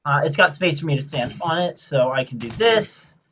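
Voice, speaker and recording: A man giving casual gameplay commentary, rambling and excitable as he explains his build, with many filler sounds. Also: a little high, normal speed, a little hiss or hum.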